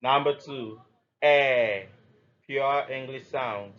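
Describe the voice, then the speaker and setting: Man, phonetics lesson, slow deliberate delivery, reads word lists one by one, dull lo-fi audio. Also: mid-range voice, fairly even intonation, fairly bright tone. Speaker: teacher.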